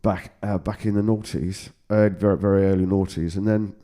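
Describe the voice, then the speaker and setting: A man's voice: low voice, fairly even intonation, normal speed, warm tone. A man in his forties, a guitar tech telling road stories in casual chat, swearing freely and laughing often. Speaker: podcast guest, guitar tech.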